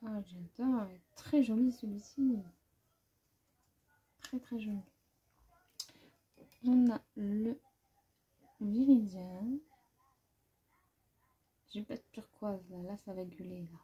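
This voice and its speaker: A woman's voice: medium pitch, fairly even intonation, takes it slowly, long pauses, slightly rough, highs cut off. A woman vlogger chatting casually as she swatches watercolors, thinking aloud and poking fun at herself. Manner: chatty and self-deprecating. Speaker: art vlogger. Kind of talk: casual art-supply haul commentary.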